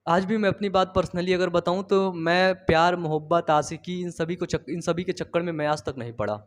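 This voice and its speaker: A man's voice: high-pitched, steady tone, moderate pace. A young man teaching biology in a loose, chatty way, drifting into personal stories and checking in with tag questions. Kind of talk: informal Hindi class lecture. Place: home studio.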